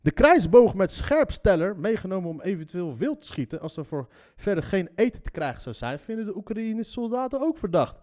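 A man's voice: sits high, sing-song, a little fast, darkish tone. A man reading a news article aloud and mocking it with sarcastic, sweary commentary.

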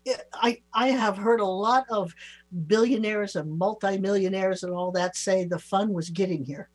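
A woman giving spiritual advice as a psychic on a talk show, informal, halting and reassuring. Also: medium pitch. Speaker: psychic reader and show co-host.

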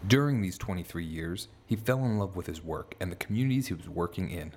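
A man hosting a podcast, reading scripted narration in a steady, even way. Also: low voice, brisk, breathy edge. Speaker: podcast host.

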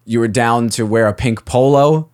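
A man's voice: medium pitch, moderate pace, darkish tone, clean tone. A man in his thirties from Staten Island, a stand-up comedian chatting as a podcast guest. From Staten Island, New York. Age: 30s. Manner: laid-back, rambling with restarts. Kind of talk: casual chat.

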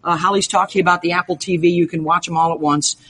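A woman's voice: fairly low pitch, steady tone, fast talker, a bit bright, breathy edge. A woman hosting a sports talk show, upbeat and jokey, rattling off game schedules. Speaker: show host.

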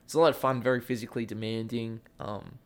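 Speaking fast in a steady, mid-range tone, he discusses his acting work and the theatre program he runs at a school. It's a casual podcast chat, and his softened Australian speech rambles with frequent fillers and restarts.

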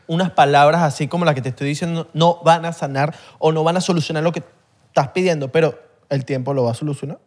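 Man, relaxed teasing co-host, slightly high voice. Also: fast. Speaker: podcast co-host. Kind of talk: casual chat.

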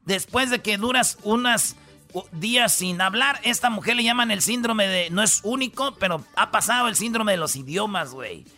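A man's voice: high-pitched, animated, normal speed, sharp tone, soft background music. A man hosting a comedic radio countdown, joking and bantering loosely in slangy talk. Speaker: radio show host.

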